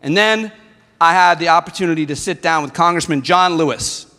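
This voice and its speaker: A man's voice: on the high side, fairly quick, sharp tone. A middle-aged man giving an impassioned convention speech with a repetitive rallying cadence. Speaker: guest speaker. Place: large convention hall. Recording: echoey convention hall with crowd.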